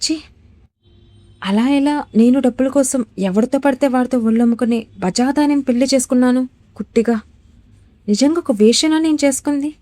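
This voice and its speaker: A woman voicing a furious, jealous young husband who shouts and sneers cruel insults in a storybook drama. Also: mid-range voice, brisk, dry recording, close to an everyday voice.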